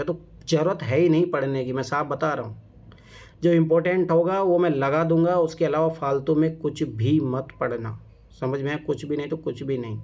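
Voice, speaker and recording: In a dull lo-fi classroom recording, a man with a slightly high, darkish voice leads a casual exam-prep class. He speaks emphatically, regularly asking "theek hai?" and "samajh mein aaya?" to check that his students are following.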